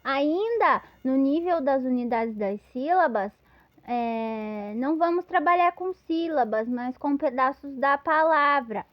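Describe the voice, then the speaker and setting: A woman's voice: high voice, lively intonation, takes it slowly, no room sound, highs cut off. A woman giving an instructional lesson, patiently explaining step by step with examples. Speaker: teacher.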